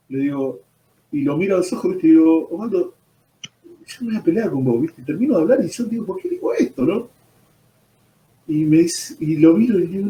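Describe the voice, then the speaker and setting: Argentine pastor guy telling his testimony, kinda higher voice, mellow tone, says viste a lot. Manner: storytelling, fillers like "¿viste?". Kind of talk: personal testimony in an interview. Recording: roomy echo, distant from the mic.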